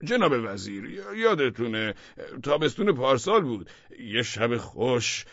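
A man voicing a fawning, flattering male deputy minister who talks in a raised, excited way. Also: medium pitch, no echo, muffled recording, pitched above the performer's own voice. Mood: ingratiating.

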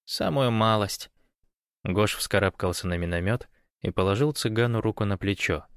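A man's voice: sits low, a little fast, smooth, dry recording, clean studio sound. A man narrating an audiobook in a scripted reading.

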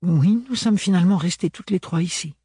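A man's voice: high-pitched, a little fast, warm tone, husky, no echo, clean studio sound, voice pushed up. A man reading an audiobook, voicing a reserved young woman with cool, clipped replies.

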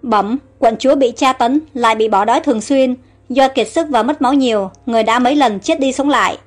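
A woman's voice: on the high side, fairly quick, faint music behind, natural voice. A woman voicing loyal female Amazon warriors in a storybook reading, urgent and pleading. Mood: grave.

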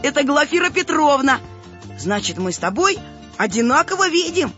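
A woman's voice: high voice, very animated, normal speed, fairly bright tone. A woman voicing a dreamy, observant boy who eagerly explains what he sees in the clouds, in a children's audiobook. The recording is a little dull, with faint music underneath.

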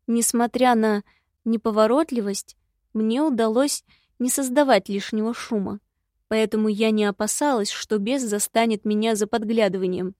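A woman narrating a first-person fantasy audiobook in a wry, lively storytelling manner. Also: a little high, moderate pace, no room sound, studio quality.

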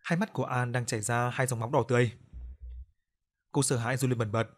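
A man narrating a horror story in a measured, scripted storytelling manner. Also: medium pitch, steady tone.

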